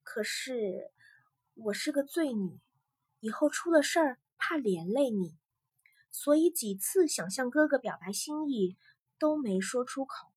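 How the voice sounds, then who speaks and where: Gentle, tearful young sea maiden read by a woman; soft, pleading, slightly raised pitch. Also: expressive, unhurried, breathy edge, no room sound, full character voice. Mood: tender.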